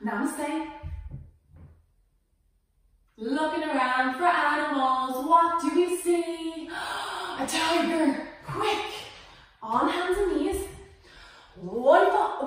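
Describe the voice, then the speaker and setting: A woman's voice: sits high, a bit bright. A woman teaching a children's yoga class. She is playful and sing-song and makes animal sounds along the way. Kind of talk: guided yoga lesson for children. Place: indoor room. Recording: echoey room, voice from far off the mic.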